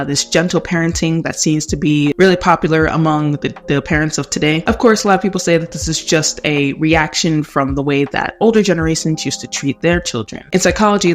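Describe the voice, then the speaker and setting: A man with a fairly high voice talks casually to viewers as a video host, with informal asides. He is recorded through headphones used as a microphone in a bathroom. Faint music sits behind him.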